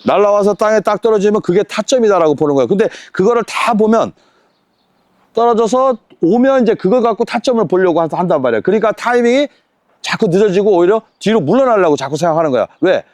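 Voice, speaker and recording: Man, tennis coach, high voice, commanding drill calls, rhetorical questions. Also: animated, fast talker, a little mellow, no echo, studio quality. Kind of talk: on-court tennis lesson.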